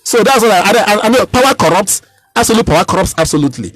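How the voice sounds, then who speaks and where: A Nigerian man in his thirties talks at a rapid clip, pressing his points hard and circling back over his own words. His voice sits high and has a slightly husky grain, recorded close and dry on a radio mic. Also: animated, a bit bright, dry recording, poor audio. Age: 30s. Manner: emphatic, repeats and restarts phrases. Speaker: political candidate. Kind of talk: radio interview.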